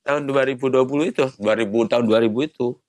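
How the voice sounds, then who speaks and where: A man's voice: mid-range voice, fast talker, darkish tone, no echo, studio quality. A man in his sixties, a retired navy admiral, explaining patiently in a casual interview and posing rhetorical questions. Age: 60s.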